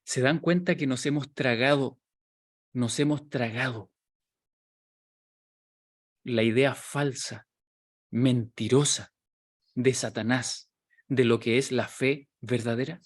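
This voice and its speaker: A man's voice: medium pitch, slow pace, pauses often. A man preaching a sermon to a small group, asking rhetorical questions and acting out the voices he quotes.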